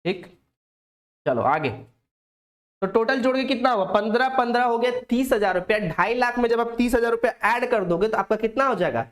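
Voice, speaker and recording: A man's voice: very high-pitched, animated, moderate pace, a bit bright. A young man teaching a classroom accounts lecture in Hindi, asking the students questions aloud and answering them himself. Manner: coaxing, talks straight to the students.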